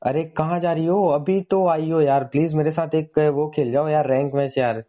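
A man's voice: fairly high pitch, fairly even intonation, moderate pace, muffled recording. A man hosting a gaming channel, chatting casually and pleading persistently over in-game voice chat.

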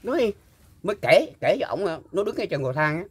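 An older man, recalling a story in casual talk and pausing often with fillers and repeated words. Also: sits high, very animated, background noise. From Mekong Delta, Vietnam. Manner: halting, full of fillers and repeats. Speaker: guest storyteller. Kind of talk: casual spoken recollection.

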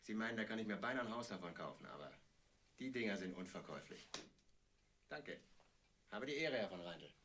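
An actor playing a proud, irritable engineer who speaks curtly. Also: male voice, fairly low pitch, sing-song, a bit bright, a little hiss or hum. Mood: grumpy. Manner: curt, grumpy, brisk.

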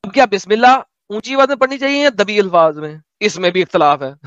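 A man's voice: high-pitched, a bit bright, no echo. A man hosting a casual chat, reading a text aloud and breaking in with sarcastic, mocking asides. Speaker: host. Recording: dull dry lo-fi audio.

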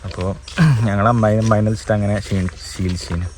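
A man's voice: on the low side, flat delivery, fast talker, a little mellow. A man, vlogging casually about a family visit and speaking to his viewers. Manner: chatty, addresses viewers as guys. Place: family home visit with relatives around. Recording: noisy with a crowd of relatives behind.

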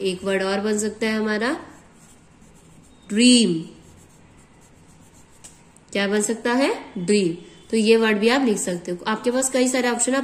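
A woman's voice: fairly high pitch, reverberant. Indian woman teaching an English lesson. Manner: slow, drawn-out dictation of words and sentences; spells words letter by letter. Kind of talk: classroom lesson explanation.

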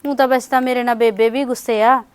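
A woman's voice: fairly high pitch, fairly even intonation, fast, smooth, no echo, natural voice. A woman playing an anxious young married sister who hesitantly thinks aloud in a family short drama. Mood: pondering. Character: anxious young married sister wanting to visit her brother. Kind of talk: family short-video acting.

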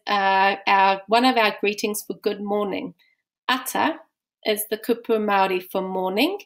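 A woman's voice: fairly high pitch, fairly bright tone. A woman with a New Zealand accent teaching a recorded language course, explaining patiently step by step.

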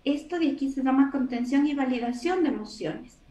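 A woman's voice: sits high, a little fast. A woman psychologist, explaining patiently in an interview and acting out what parents say. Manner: warm, explanatory, acts out parent voices. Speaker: psychologist guest. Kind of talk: expert interview talk. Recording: echoey room, distant mic.

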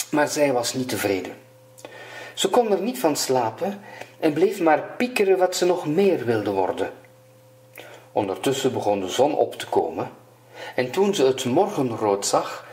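An older man reading a fairy tale aloud as a storyteller, slow and measured. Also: medium pitch, very animated, darkish tone. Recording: roomy echo.

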